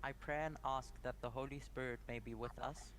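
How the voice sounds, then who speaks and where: A man's voice: medium pitch, fairly even intonation, a bit bright. Zimbabwean-born man speaking phrase by phrase. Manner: measured, pausing phrase by phrase. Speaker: guest Bible study presenter. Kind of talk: prayer and Bible study talk, paused for interpreter.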